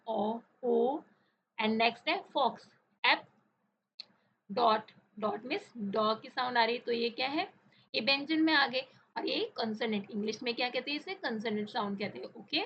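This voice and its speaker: Bright high-voiced woman teaching a lesson. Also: breathy edge. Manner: mixes Hindi and English, repeats questions to pupils. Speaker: English teacher. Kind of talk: explaining a school lesson. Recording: dull lo-fi recording with faint noise.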